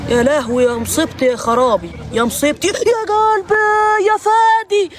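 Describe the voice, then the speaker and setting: A woman's voice: sits high, fairly quick. A woman, hosting a casual outdoor live stream with playful, dramatic mock laments. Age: 20s. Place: outdoors in a garden with people and traffic around. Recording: outdoor recording with crowd chatter.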